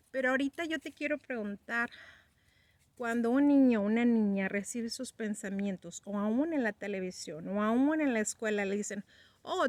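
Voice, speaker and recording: A woman's voice: fairly high pitch, dry recording. A woman in her fifties giving an earnest personal religious testimony, acting out remembered conversations as she tells them. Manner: earnest, acts out remembered dialogue.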